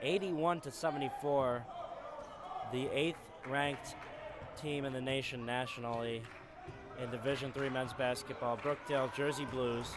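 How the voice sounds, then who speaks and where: Excitable male basketball play-by-play caller. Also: mid-range voice, a little slow. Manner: excitable, rises into shouts on big plays. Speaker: play-by-play commentator. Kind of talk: live basketball commentary. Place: arena skybox. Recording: noisy arena broadcast.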